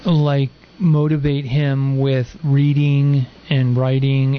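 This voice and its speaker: A man appears as a guest co-host on a radio show, rambling casually with lots of ums and likes. His voice is medium-pitched and the audio is dull.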